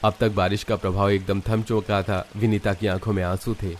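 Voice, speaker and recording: Low-voiced man narrating a cartoon story. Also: flat delivery, normal speed, a little hiss or hum.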